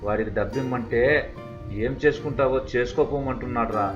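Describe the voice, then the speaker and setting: A man's voice: medium pitch, fairly even intonation, a little fast, dull audio, music in the background, lightly acted. An actor playing a weary, despairing middle-aged father in debt.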